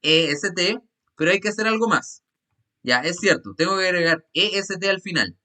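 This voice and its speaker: A man's voice: high voice, animated, moderate pace, sharp tone. A man teaching an English class over a video call, patiently repeating grammar rules step by step. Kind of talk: online class explanation.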